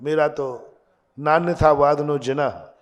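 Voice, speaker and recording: A man preaching a sermon as a monk, slow and emphatic, putting questions to his audience. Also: a little high, long reverb tail.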